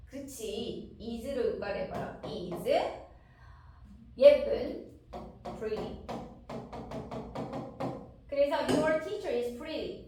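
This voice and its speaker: A woman teacher with a slightly high voice walks children through English grammar, patient and sing-song, tossing out questions. She sounds set back from the mic in a very echoey room. Faint noise hums underneath. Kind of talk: recorded grammar lesson for children. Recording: roomy, distant, faint noise.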